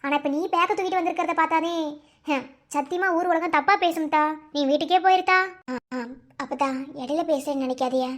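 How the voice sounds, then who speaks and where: A quick shrill village elder. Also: fairly bright tone. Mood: wounded. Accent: Madurai Tamil. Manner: emphatic, wounded pride. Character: proud village elder of the family. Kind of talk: cartoon voice acting.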